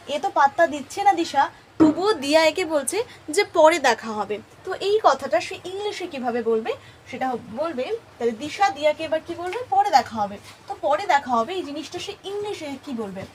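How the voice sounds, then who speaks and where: Woman teacher, high voice, faint hum behind, repeats phrases slowly for learners. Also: rough recording. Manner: repeats phrases slowly, checks in with "ঠিক আছে?". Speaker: English teacher. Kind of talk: spoken English lesson told through a story.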